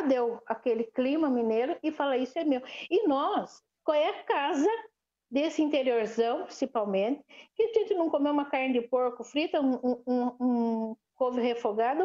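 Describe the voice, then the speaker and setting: High-voiced woman with a caipira drawl. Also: lo-fi sound. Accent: São Paulo interior caipira (Sorocaba). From Sorocaba, São Paulo state, Brazil. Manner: animated, hesitant, many filler restarts. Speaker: historian interviewee. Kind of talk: casual interview.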